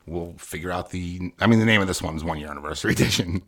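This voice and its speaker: A man's voice: low voice, rapid-fire, a bit bright. A man in his thirties co-hosting a podcast in casual chat, loose and laughing, swearing now and then. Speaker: podcast co-host.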